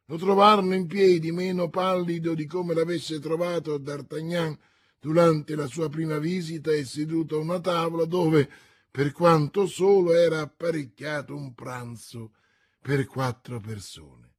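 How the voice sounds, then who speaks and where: A man narrating a classic novel as an audiobook reader, in a theatrical, expressive way. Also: fairly high pitch, measured pace, slightly rough.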